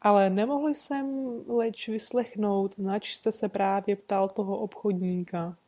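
A woman reading an audiobook, voicing a composed, courteous gentleman detective who speaks calmly and sweetly insists. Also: mid-range voice, lightly acted. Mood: suave. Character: composed, suave gentleman detective, adult man.

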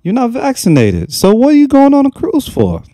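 A young man with a very dark, mellow voice gives casual reaction commentary, mocking and exasperated and saying the same thing again and again. He speaks into a desk microphone in a small room, and the sound is dry and close. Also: extremely high pitch, wildly swooping pitch, normal speed, dry recording. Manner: mocking, exasperated, repeats himself. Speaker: reaction video host. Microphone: desk microphone on a stand.

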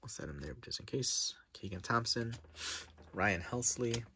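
Seated at his desk before a wall of card boxes, a middle-aged vlogger with a stuffy nose opens card packs and chats casually, calling out names and now and then sinking to almost a whisper. His medium-pitched voice is lively, a little slow, sharp and breathy.

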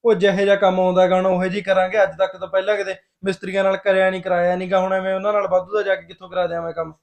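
A man playing a patient young husband who reasons and calms his wife in a film drama scene. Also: high voice, rapid-fire, creaky. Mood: reasoning. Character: easygoing young husband caught between wife and sister-in-law. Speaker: husband, a day laborer. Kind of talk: short-film drama dialogue.

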